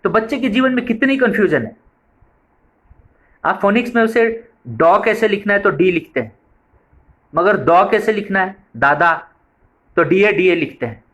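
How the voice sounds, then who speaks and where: A man's voice: high voice, expressive, moderate pace, pauses often, a bit bright. A man giving a training lecture on a preschool method, explaining step by step and repeating points for emphasis.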